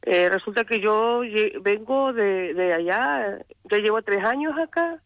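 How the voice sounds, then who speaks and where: A woman's voice: medium pitch, animated, measured pace, no room sound. Hesitant Chilean woman on a phone line. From southern Chile. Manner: hesitant, repeats words. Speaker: caller. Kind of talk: phone-in testimony.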